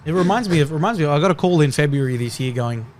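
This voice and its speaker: A man on an investing panel telling a client story in casual chat, halting and repeating words as he goes. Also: on the high side, expressive, slight background noise.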